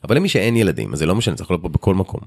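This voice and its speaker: A man's voice: low voice, very animated, gravelly, a little mellow. A man in his forties hosting a podcast, chatting casually and telling personal stories in colloquial speech. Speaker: podcast host. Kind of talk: casual chat.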